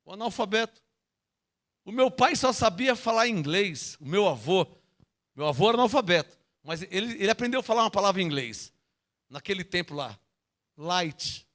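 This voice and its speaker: Brazilian male preacher, high bright voice, emphatic Bible teaching with rhetorical questions. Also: animated, normal speed. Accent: Brazilian Portuguese. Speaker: pastor.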